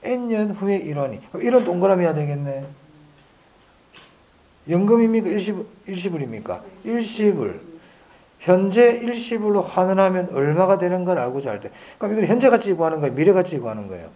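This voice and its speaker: A man teaching an exam-prep lecture, drilling students with rapid back-and-forth questions and slowly stretching out key phrases. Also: sits high, very animated, dark tone.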